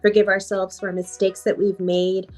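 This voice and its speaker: A woman's voice: mid-range voice, level tone, moderate pace, a little mellow, soft background music. A woman life coach answering in a podcast interview, reflective and repeating phrases for emphasis.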